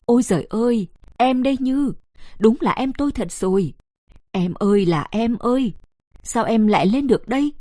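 A woman's voice: fairly high pitch, expressive, normal speed, warm tone, no echo, studio quality. Woman doing a grieving old village mother. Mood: stunned. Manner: wailing, broken lament.

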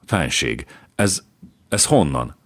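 A man's voice: low-pitched, expressive. A man voicing a stooped, thin chancellor who frets and sighs, in an audiobook reading. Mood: fretful. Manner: fretful, sighing.

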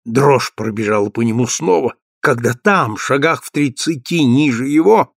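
A man narrating an audiobook of a classic novel in a steady, measured reading voice. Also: mid-range voice, vocal fry, no echo, studio quality.

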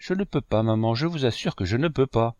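A man voicing a sickly young boy who pleads in a halting way, in a storybook reading. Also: mid-range voice, animated, a little mellow, no room sound, muffled recording, lightly acted. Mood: pleading. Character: sickly young boy, timid then eager.

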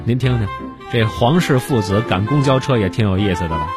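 A man's voice: lowish voice, expressive, fairly quick. A man hosting a radio comedy show in a jovial, chatty way. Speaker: radio host. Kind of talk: radio presenting with rhymed intro. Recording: music playing behind.

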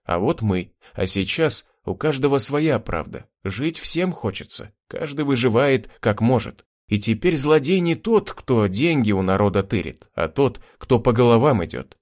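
Guy reading an audiobook, first person, wry, lively up-and-down voice. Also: medium pitch. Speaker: audiobook narrator.

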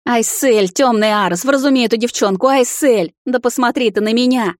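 A woman's voice: medium pitch, expressive, a little fast, no room sound, studio quality, natural voice. A woman voicing a smug young male vampire in a fantasy audiobook, mocking at first and frantic when things go wrong. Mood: panicked. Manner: mocking, then frantic shouting. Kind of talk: audiobook character reading.

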